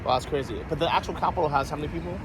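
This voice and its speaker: A man's voice: fairly high pitch, rapid-fire. A man hosting a casual travel vlog, chatty and asking questions as he walks city streets. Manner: chatty, laughs often, asks questions. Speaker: travel vlogger host. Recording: noisy street recording.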